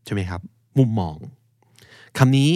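A young man hosting a podcast vocabulary lesson, explaining words slowly, repeating them and quizzing listeners on which syllable takes the stress. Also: dark tone, no room sound, clean studio sound. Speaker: English vocabulary teacher.

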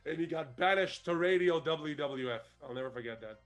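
A man with a fairly high voice, telling the story of a wrestling match in an animated, chatty way and laughing often. Faint music sits in the background. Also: brisk. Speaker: podcast co-host. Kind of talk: casual wrestling recap chat.

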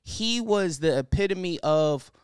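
A young man hosting a podcast in an excited, loose style, swearing freely and leaning on fillers. His voice sits a little high and sounds smooth and crisp. The recording is dry and close. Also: slow pace, no echo. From Baltimore County, Maryland. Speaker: podcast host. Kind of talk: casual podcast chat.

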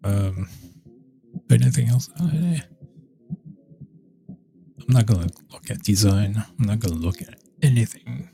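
A man's voice: fairly low pitch, expressive, normal speed, gravelly, pauses often. A man hosting a casual solo podcast, rambling and meandering with many fillers and restarts. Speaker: podcast host.

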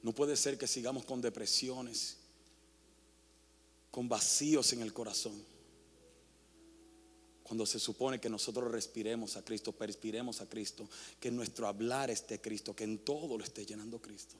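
A male pastor preaching a sermon, swinging from hushed near-whispers to loud, impassioned calls. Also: lowish voice, fairly even intonation, moderate pace, long reverb tail, soft background music.

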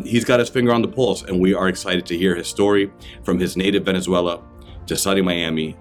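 A man hosting a podcast, reading a polished, upbeat intro and then asking interview questions. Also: sits low. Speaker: podcast host.

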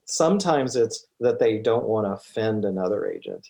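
A man's voice: on the low side, animated, normal speed, vocal fry, warm tone. Earnest man explaining, talks in restarts. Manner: earnest, repeats and restarts words while explaining. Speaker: real estate agent, podcast guest. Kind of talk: casual conversational interview.

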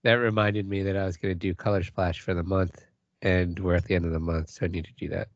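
A man's voice: sits low, flat delivery, fast talker, no echo, dull audio. A man co-hosting a podcast in casual, joking chat with friends. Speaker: podcast co-host.

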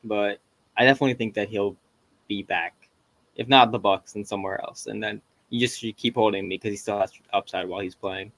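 A man's voice: on the low side, fairly even intonation, brisk, fairly bright tone, no echo. A man co-hosting a podcast, talking sports in a casual, conversational way. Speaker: podcast co-host.

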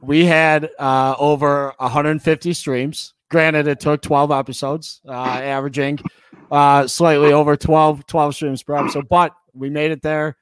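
Crisp, dry-sounding American podcast host. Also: male voice, fairly high pitch, little pitch movement, unhurried, dry recording. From United States. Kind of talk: casual sports podcast hosting.

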